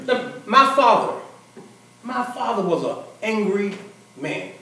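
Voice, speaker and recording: Here the middle-aged preacher's voice is high, bright and forceful, swinging widely in pitch at a slow pace. He talks to the congregation in a conversational way, repeating and restarting phrases, captured by a far mic in a reverberant hall with the congregation audible.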